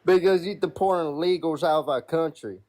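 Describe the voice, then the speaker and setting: A man's voice: fairly high pitch, fairly quick, a little mellow. A man calling into a live debate over a video call, talking bluntly and crudely. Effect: heard over a video call. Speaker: caller in a live debate stream. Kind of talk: casual argument.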